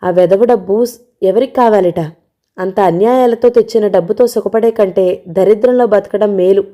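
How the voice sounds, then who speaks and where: A woman performs a sick young woman in a storybook reading, her mellow dark voice soft, slow and resigned. She pleads gently, worn down by illness. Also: medium pitch, close to an everyday voice. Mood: weary pleading.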